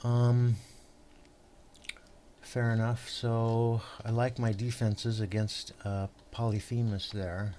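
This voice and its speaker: A man hosting a tabletop game session, patiently explaining the rules to his opponent in a halting, rambling way full of fillers and restarts. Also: medium pitch, level tone, dark tone, a little hiss or hum. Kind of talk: casual tabletop game chat.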